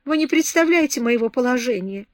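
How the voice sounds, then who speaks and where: Brief: scared teen girl near tears, high pleading tone, read by a woman. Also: animated, a little fast, dry recording, clean studio sound, close to an everyday voice. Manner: pleading, timid, on the verge of tears. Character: frightened tearful eighteen-year-old girl.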